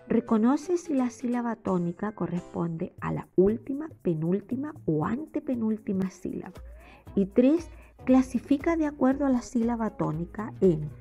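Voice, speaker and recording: A woman teacher with a Chilean accent giving a recorded remote lesson, explaining step by step in a slow, explanatory classroom manner. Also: medium pitch, creaky, warm tone. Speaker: primary school teacher.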